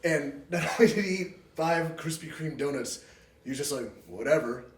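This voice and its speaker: A man's voice: a little high, normal speed. A man telling stories in casual banter, crude and teasing. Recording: distant, echoey room with crowd noise.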